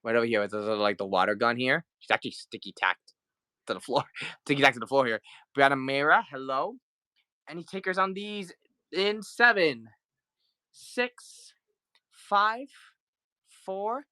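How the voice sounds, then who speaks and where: A man's voice: mid-range voice, a little fast, sharp tone, clear, resonant tone, no echo. A man hosting a casual live toy sale, chatty and sick with the flu, greeting viewers and counting down offers. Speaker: livestream toy seller. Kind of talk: casual live-selling chat.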